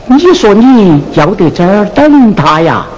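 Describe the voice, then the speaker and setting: An actor playing a sharp-tongued comic innkeeper in a Sichuan opera, with a Sichuan accent, scolding in a sing-song way. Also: mid-range voice, sing-song, measured pace. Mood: mocking. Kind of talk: Sichuan opera stage acting. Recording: noisy 1970s film soundtrack.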